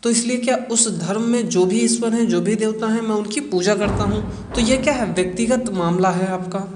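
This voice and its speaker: In a reverberant, echoey room with background noise, a man with a high voice delivers a brisk explanatory lecture on current affairs. As an educational explainer presenter, he teaches didactically, raising rhetorical questions and then answering them.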